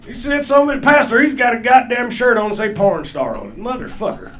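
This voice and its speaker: A man's voice: extremely high pitch, expressive, fairly quick, pushed and bright. Laughing, profane stand-up comedian man. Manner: loose, profane, laughing storytelling. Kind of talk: stand-up set. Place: comedy club stage.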